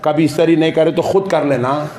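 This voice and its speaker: A male preacher delivers a sermon in a high, ringing voice. He is animated and playful, slipping into quick impressions of family members to drive his point home. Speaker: Islamic preacher.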